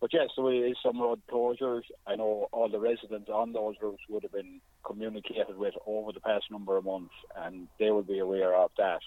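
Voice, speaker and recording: Over a narrow phone line, an Irish man with a lowish voice gives a radio interview as a club press officer. He explains things politely and haltingly, with no room sound. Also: little pitch movement, dry recording. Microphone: telephone.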